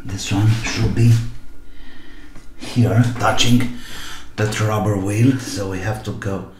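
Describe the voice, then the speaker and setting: This middle-aged man, a hobbyist fixing things on his own video, sits at a desk in a small home workshop and thinks out loud in brief snippets, asking himself questions as he works. He speaks slowly in a fairly low, steady tone. Clicks and loud noise fill the echoey recording.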